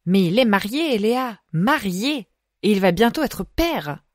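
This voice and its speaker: A woman voicing a spirited young girl who works in the stables, pleading and scolding in quick bursts. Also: medium pitch, a little mellow, dry recording, clean studio sound, lightly acted.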